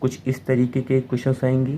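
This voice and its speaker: A man's voice: medium pitch, monotone, a little fast, mellow, a little hiss or hum. A man teaching a math lesson, explaining step by step and often repeating himself to check understanding. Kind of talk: classroom lecture.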